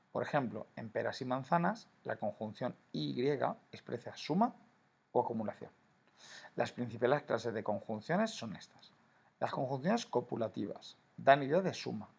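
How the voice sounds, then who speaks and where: A man's voice: mid-range voice, vocal fry, darkish tone, slightly rough. A man teaching a grammar lesson to schoolchildren, explaining patiently and often checking in with "¿vale?". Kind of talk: recorded classroom grammar lesson.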